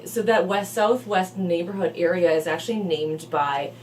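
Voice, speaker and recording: A woman's voice: fairly low pitch, fairly even intonation, normal speed, a little mellow, recorded from a distance, a little hiss or hum, rough recording. A woman hosting a casual interview, chatty, with lots of follow-up questions. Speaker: real estate video host.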